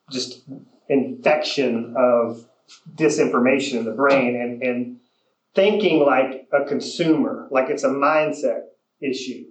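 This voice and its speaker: Man coaching agents in an echoey room. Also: medium pitch. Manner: coaching, direct, asks the room for agreement. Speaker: real estate coach. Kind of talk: training session for a group.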